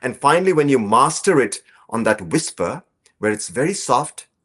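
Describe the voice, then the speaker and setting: A man with a fairly low voice leads a breathing lesson. He explains each step calmly and slowly, stretching out his phrases. He moves into soft, gentle guidance for the practice. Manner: calm, slow explanatory teaching with drawn-out phrases; soft guiding instructions during practice. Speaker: breathing instructor.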